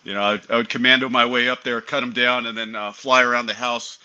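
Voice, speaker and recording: A middle-aged man, an airline pilot guest on an aviation podcast, telling his story in an animated, conversational way. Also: medium pitch, fast, clean tone, lo-fi sound. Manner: animated, acts out remembered dialogue. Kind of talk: casual interview storytelling.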